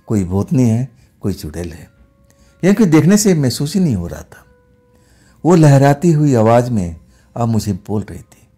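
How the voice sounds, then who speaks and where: A male horror storyteller with a husky, dark-toned voice that rises and falls dramatically. He builds suspense in a first-person ghost tale and keeps sinking into hushed tones, with faint music behind him. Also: medium pitch.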